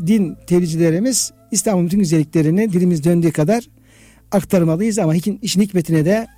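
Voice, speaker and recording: A man's voice: high voice, fast, warm tone, dry recording, soft background music. A man in a conversational religious discussion, explaining and repeating phrases for emphasis, in the manner of a host.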